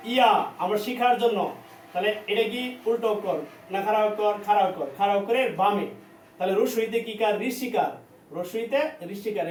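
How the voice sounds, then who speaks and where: Guy teaching class, high voice, repeats sounds over and over, echoey room far from the mic. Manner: slow, repetitive drilling of syllables. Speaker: Korean language teacher. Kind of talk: classroom lesson. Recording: echoey room, distant mic, faint noise.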